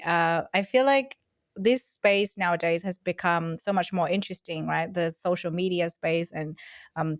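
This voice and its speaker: A woman's voice: fairly low pitch, dry recording. A woman hosting a podcast interview over a remote recording, friendly and chatty with frequent fillers. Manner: friendly, many fillers, laughs often. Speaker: podcast host. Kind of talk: casual interview chat. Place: recorded virtually, remote call.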